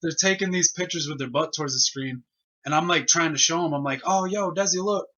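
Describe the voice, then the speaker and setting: A man's voice: fairly high pitch, fast, sharp tone. A young man co-hosting a casual, uncensored podcast, telling stories in slang and laughing through them. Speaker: podcast co-host. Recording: dull lo-fi podcast recording.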